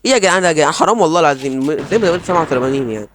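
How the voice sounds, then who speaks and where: Young egyptian guy yelling thru a shooter match, talks super fast, bit high voice, music playing under. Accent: Egyptian Arabic. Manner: rapid, excitable, repeats himself, frustrated outbursts. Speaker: gaming channel host. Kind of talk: live gameplay commentary. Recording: music over gameplay.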